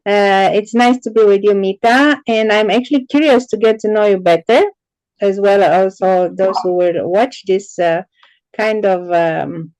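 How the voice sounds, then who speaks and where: A woman interviewing a guest in a casual online conversation. She asks measured, curious questions with frequent pauses. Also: mid-range voice, a little mellow, no echo, poor audio.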